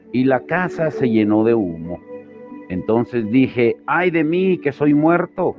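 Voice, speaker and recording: A male pastor leading a devotional, reading scripture and preaching with slow, measured emphasis. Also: on the low side. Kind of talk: devotional Bible reading and sermon. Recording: tinny phone-like sound with faint music.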